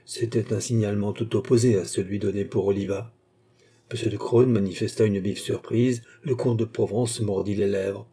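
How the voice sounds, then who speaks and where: A man reading a classic novel aloud in a steady, measured way. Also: fairly low pitch, slightly rough. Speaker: audiobook narrator. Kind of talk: scripted novel narration.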